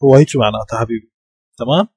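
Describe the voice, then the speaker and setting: A man with an Iraqi Arabic accent explains English vowel sounds slowly and patiently, saying each sound again and again. His voice sits at a middle pitch. It is recorded close to the mic in a dry room with no echo. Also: vocal fry, dark tone, slightly rough. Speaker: English teacher. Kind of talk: classroom lecture.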